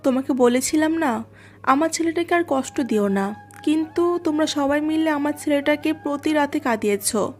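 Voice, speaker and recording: A man voicing a grieving mother who accuses her family in a high, wailing voice. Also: normal speed, faint music behind. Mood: anguished. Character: grieving older mother, fierce and reproachful.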